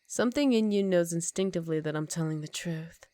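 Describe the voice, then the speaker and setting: Woman acting a low-voiced, seductive vampire countess. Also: mellow, no echo, close to an everyday voice. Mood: quietly menacing. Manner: formal, teasing, slow dramatic phrasing. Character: ancient aristocratic vampire countess, seductive, predatory, condescending. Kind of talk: ASMR roleplay, intimate soft speech with whispered phrases.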